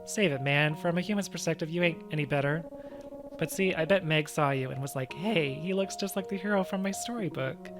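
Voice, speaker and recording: A player voicing a big-hearted monster man who talks casually and softly over game music. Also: medium pitch, fairly quick, natural voice. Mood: sheepish. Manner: casual, slangy, soft-spoken when sentimental. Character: gruff, tender monster man, big-hearted tough guy.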